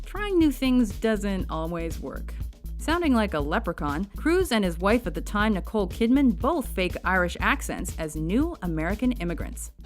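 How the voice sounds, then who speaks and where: A woman's voice: medium pitch, sing-song, moderate pace, music in the background. Wry woman narrating a countdown. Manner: wry, sarcastic asides. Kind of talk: scripted narration.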